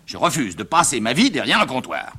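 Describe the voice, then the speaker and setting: A man's voice: mid-range voice, wildly swooping pitch, fairly quick, pushed and bright, breathy edge, pitched above the performer's own voice, exaggerated voice. A man voicing a stagestruck young man in his twenties, defiant and theatrical, in a one-man reading of a stage comedy.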